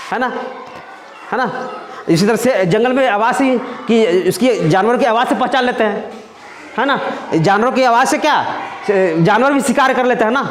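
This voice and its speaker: High-voiced man teaching in an echoey classroom. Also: a little hiss or hum. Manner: conversational, repeats phrases and asks "है ना?" often. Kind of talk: classroom science lesson.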